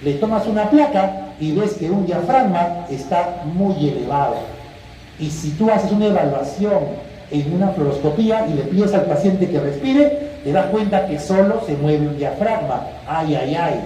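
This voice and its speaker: A male physiology lecturer who quizzes his students, sometimes acting out patients and students in a lively way. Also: a little high, unhurried. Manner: quizzes students with questions and answer options; animated, acts out patients and students. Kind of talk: classroom lecture. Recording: echoey room, distant mic, faint hiss.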